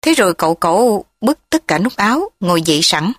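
A woman narrating a story in a steady, plain reading voice. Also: mid-range voice, fairly quick, no room sound, clean studio sound.

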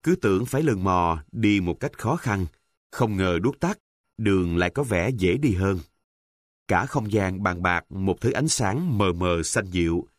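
A man narrating a story in a calm, measured, descriptive reading. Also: deep voice, no room sound, studio quality.

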